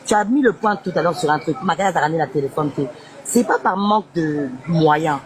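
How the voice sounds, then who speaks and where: A woman's voice: sits low, fairly quick, noisy background. A woman guest speaking insistently and emotionally in a live interview, mixing French and Lingala. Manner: pleading, insistent, switches between French and Lingala.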